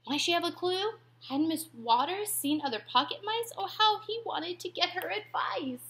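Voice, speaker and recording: Woman, high voice, rhyming storybook read-aloud, expressive, whispers for suspense. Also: moderate pace.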